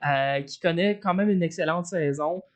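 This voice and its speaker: A man with a Quebec French accent, co-hosting a sports podcast in casual chat, opinionated but halting with fillers. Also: fairly high pitch.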